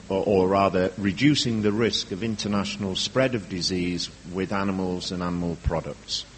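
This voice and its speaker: A man's voice: deep voice, long reverb tail, slight background noise, low-quality recording. A man speaking as an expert at a conference panel, explaining firmly and emphatically. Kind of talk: answering a question at a panel discussion. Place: conference hall.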